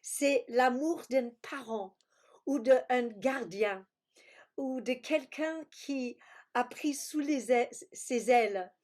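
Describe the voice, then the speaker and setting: Slow-spoken woman preaching over a video call. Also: high voice, a little mellow. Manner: slow, searching for words, exclaims alleluia. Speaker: pastor.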